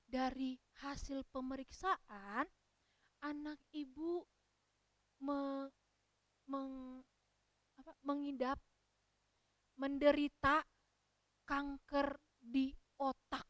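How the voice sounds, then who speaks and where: Brief: woman doing a gentle doctor, slow and soothing, still a high voice, dry close sound. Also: fairly even intonation, no echo, full character voice. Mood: grave. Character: calm, gentle hospital doctor. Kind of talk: storytelling for children.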